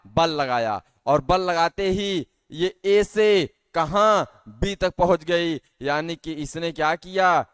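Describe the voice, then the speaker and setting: A male teacher explains a science lesson to schoolchildren, slowly and patiently. His voice is slightly high, smooth and crisp. He puts questions to the class and answers them himself, recorded dry and close. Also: no echo. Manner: calls the students dear children often.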